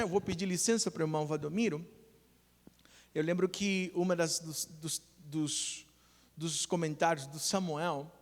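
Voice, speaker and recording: A man preaching a sermon as pastor, earnest, telling stories and retelling conversations, building to loud emphasis. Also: on the high side, big-room sound.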